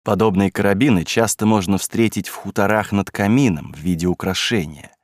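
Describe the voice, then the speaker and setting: A man with a fairly low voice reads a classic novel as an audiobook, narrating in a measured, even storytelling style.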